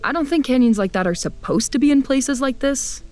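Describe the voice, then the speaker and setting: Over music, a woman with a high, expressive, slightly mellow voice speaks briskly as a wary, grumpy young traveler. She narrates this first-person audio drama and its dialogue in a blunt, wry, descriptive way.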